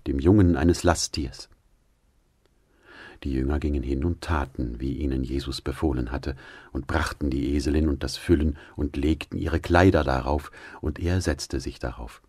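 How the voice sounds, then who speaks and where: Low husky guy reading a bible audiobook, calm and measured, dry close mic. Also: no echo. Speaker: audiobook narrator. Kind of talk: scripted scripture reading.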